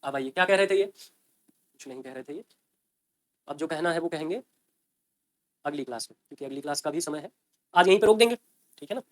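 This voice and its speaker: A man's voice: on the high side, quick pace, long pauses. A man teaching a grammar lecture, explaining step by step and often checking with his students. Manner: explains by repeating and checking with "ठीक है ना?".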